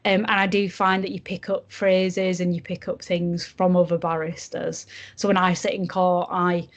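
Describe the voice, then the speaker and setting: A young woman with a broad Yorkshire accent, explaining things in a casual podcast interview with frequent ums and pauses. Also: on the low side, level tone. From Yorkshire, England. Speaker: junior barrister, podcast guest.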